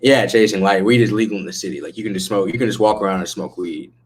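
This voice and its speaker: A man's voice: fairly low pitch, fast. A man hosting a casual chat with a laid-back stoner drawl, using slang and swearing freely. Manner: slangy, profane. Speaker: livestream host chatting with viewers.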